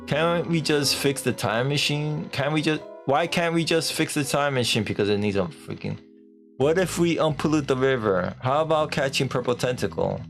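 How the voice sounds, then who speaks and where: A man's voice: mid-range voice, normal speed, gravelly, soft background music. A man live-streaming a game, chatting casually and animatedly with viewers, laughing and swearing offhand.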